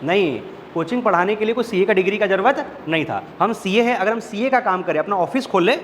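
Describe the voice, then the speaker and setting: A man's voice: high voice, lively intonation, a little fast, a bit bright. A male teacher giving a classroom lecture, mixing Hindi with English terms and asking questions he answers himself. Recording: long reverb, faint background noise.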